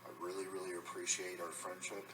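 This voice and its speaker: A man's voice: deep voice, monotone, a little fast, bright, forceful tone. A man recording a friendly video message with a cave-like echo, earnest and calling the listener brother and dude. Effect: echoey, cave-like sound. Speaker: friend sending a congratulation video.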